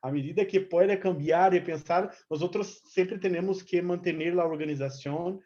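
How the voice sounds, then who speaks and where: Her voice is on the low side, dark-toned and at a moderate pace. She is a Brazilian activist and movement representative whose first language is Portuguese, giving an informal seminar talk in mixed Portuguese and Spanish while reaching for words. The online call sounds dull and lo-fi.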